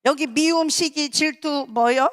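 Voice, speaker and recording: A woman's voice: high-pitched, unhurried. A woman pastor preaching a sermon, emphatic and conversational, asking the congregation questions and acting out short quoted voices. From South Korea.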